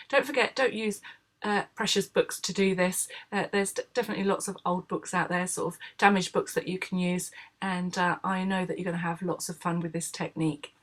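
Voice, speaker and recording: In a mid-range voice roughened by a cold, a woman calmly explains each step of a craft project in a tutorial voice-over. Filler sounds crop up often.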